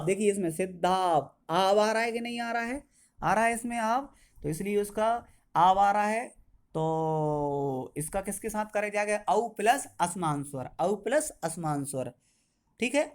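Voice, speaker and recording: Man, school teacher, grammar lesson, self-answered questions, slow repeated terms. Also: high voice. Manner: asks questions and answers them himself; repeats key terms slowly.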